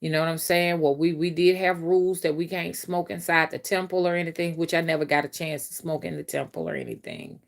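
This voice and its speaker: This woman talks fairly quickly with hardly any pauses, her low, gravelly voice holding a steady tone. She's doing a casual spiritual live stream on her phone, going on repetitively while speaking directly to viewers and reading their comments.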